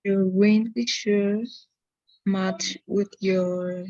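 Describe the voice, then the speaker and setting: A woman student works through an English sentence slowly and hesitantly. Her voice is mellow, and the sound is dull and lo-fi, as if it comes through a call. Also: medium pitch, fairly even intonation, no echo. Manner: hesitant, repeats words after the teacher.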